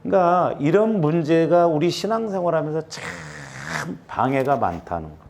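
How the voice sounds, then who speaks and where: Middle-aged male pastor, homespun anecdotal sermon delivery, slightly high pitch. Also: lively intonation, moderate pace, gravelly, darkish tone. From Jeolla, Korea. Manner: folksy storytelling with asides and rhetorical questions. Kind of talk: conversational sermon.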